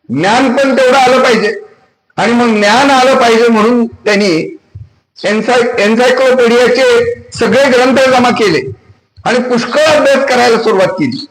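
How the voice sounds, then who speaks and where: A man with a very high voice preaches a devotional sermon, telling a story with emphatic, repeated phrases. His voice rings through an echoey hall. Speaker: kirtan preacher.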